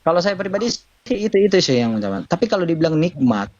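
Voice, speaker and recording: A man's voice: a little high, very animated, fast talker, darkish tone, no room sound, muffled recording. A man speaking earnestly in a casual live-stream discussion, explaining his views at length and often addressing listeners as brothers. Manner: earnest, explanatory, repeats "saudaraku". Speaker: convert sharing views.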